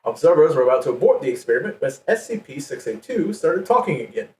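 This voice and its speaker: A man's voice: on the high side, big pitch swings, quick pace. Echoey, distant male podcast host. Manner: playful, laughs while reading. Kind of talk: reading a story aloud to co-hosts. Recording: echoey, distant mic with faint background noise.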